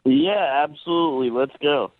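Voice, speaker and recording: A man's voice: a little high, moderate pace. A man calling in to a radio show, eager and playful. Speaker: caller. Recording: tinny phone line.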